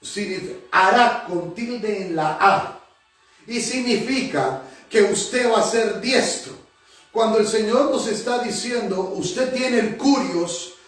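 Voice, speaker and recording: In a high-pitched, fairly bright voice, a male pastor delivers an emphatic sermon to his congregation, repeating phrases for effect. The recording comes from a very echoey church hall with the microphone at a distance.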